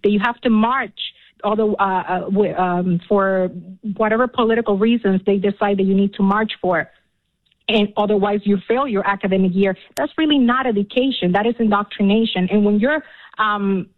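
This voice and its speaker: A woman's voice: mid-range voice, normal speed. Cuban-born woman on a phone line. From Cuba. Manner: earnest, passionate, many fillers. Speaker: guest. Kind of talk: radio interview.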